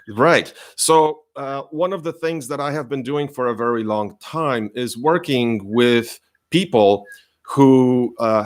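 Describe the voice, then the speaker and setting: A man hosting a live coaching session, explaining slowly and patiently with many fillers; English is not his first language. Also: mid-range voice. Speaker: career coach and host.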